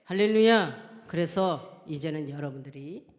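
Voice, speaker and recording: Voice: mid-range voice, expressive, a little slow. Fervent pastor preaching in a reverberant hall. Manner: swings from hushed near-whispers to fervent shouting; calls out hallelujah and questions to the congregation. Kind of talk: sermon. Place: church sanctuary. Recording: long reverb of a large hall.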